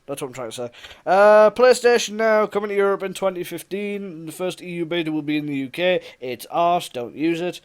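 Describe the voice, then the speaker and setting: A man hosts a casual gaming podcast in a high voice. He runs through the news with quick sarcastic remarks and often laughs along the way. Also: expressive, clean tone. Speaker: podcast host.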